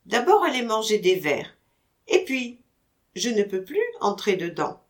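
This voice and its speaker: A deferential young manservant from an old storybook, played by a woman reading aloud, humble and eager to please. His short answers come out soft and a touch lower than the reader's own voice, bobbing in pitch. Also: very animated, unhurried. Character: young male servant, meek and eager. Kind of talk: audiobook character reading.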